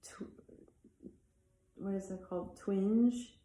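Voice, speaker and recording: A woman's voice: medium pitch, steady tone, slow, mellow. Tired, chatty yoga teacher woman, roomy echo. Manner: chatty, apologizes for talking too much. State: tired, yawning. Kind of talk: guided yoga class instruction. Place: athletic club room.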